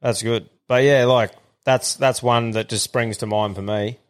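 A man's voice: mid-range voice, fairly even intonation, measured pace, clear, resonant tone. An Australian man hosting a podcast, chatting casually in a blokey, sweary way. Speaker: podcast host. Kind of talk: casual banter.

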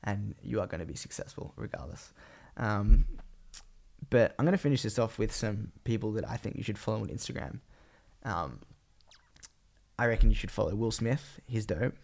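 A young Australian man with a croaky, phlegmy, congested voice, sick with a cold, rambling casually and slangily on a solo podcast. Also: lowish voice, lively intonation, normal speed, a little mellow. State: sick with a cold, voice partly gone. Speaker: podcast host and vlogger.

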